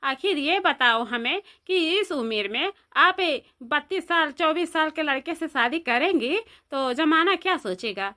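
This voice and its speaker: Brief: woman playing a nosy, coaxing Awadhi village woman, high and bright. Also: lively intonation, unhurried, few pauses, exaggerated voice. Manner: questioning, coaxing. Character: curious, meddling young village woman.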